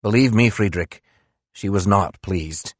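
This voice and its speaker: A man voicing a careful male physician who speaks softly and slowly. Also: on the low side, no room sound. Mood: reflective. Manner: soft and slow, gentle.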